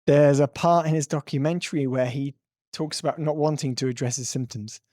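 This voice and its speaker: A man with a slightly higher voice talks through his coaching views in an earnest, rambling way. He laughs between points. The sound is dry and close. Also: steady tone, a little fast, mellow, no room sound. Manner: earnest, ranting, breaks into laughs. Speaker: tic coach. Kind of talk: casual monologue commentary.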